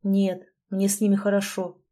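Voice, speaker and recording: A woman voicing a reserved, guarded grown man who speaks flatly and tersely. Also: mid-range voice, normal speed, natural voice. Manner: flat, terse.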